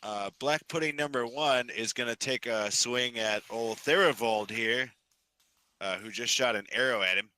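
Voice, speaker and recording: A man's voice: mid-range voice, normal speed, pushed and bright, no echo. A man running a tabletop game as dungeon master, giving dry rulings and often laughing.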